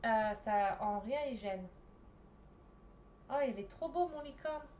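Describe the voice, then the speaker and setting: A woman casually chatting through an unboxing at home, enthusiastic and often pausing to search for words. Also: a little high, animated, a little mellow. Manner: chatty, enthusiastic, with frequent hesitations. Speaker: vlogger reviewing a purchase. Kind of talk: casual unboxing and screen walkthrough. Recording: slightly muffled home recording with faint background noise.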